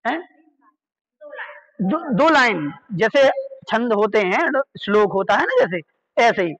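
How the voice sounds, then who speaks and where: A man's voice: very high voice, a bit bright, muffled recording. A man teaching an online scripture class, patiently repeating key words and quizzing his listeners. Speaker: religious studies teacher.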